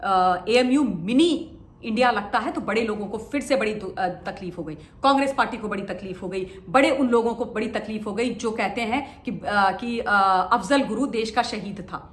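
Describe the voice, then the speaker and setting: A woman's voice: fairly high pitch, normal speed, roomy sound. A woman giving impassioned political commentary, emphatic and repeating phrases for stress, often asking rhetorical questions.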